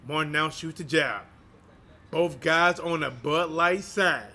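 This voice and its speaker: Guy streaming boxing commentary, pretty high sharp voice, chatty and slangy with his viewers. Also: slow pace. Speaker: boxing livestream commentator and channel host. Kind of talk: live boxing play-by-play commentary.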